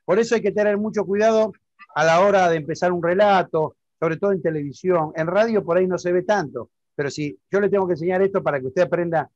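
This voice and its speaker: A man's voice: sits high, fast talker, a little mellow, dry recording, muffled recording. A man with an Argentine accent teaching public speaking in an online lesson, explaining step by step and often checking that the listener understands. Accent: Argentine Spanish.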